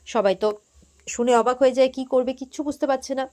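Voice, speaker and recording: A woman hosts a casual recap of a television serial, retelling the episode in an easygoing, chatty way. Her voice sits a little high for a woman. She talks loosely and keeps things moving with small fillers. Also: steady tone, fairly quick, a little mellow.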